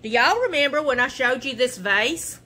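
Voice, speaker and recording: A vlogger chats folksily from her living room, showing off her thrift haul to the camera in a casual show-and-tell. Her voice sits high, bright and pushed, with lively intonation at a moderate pace.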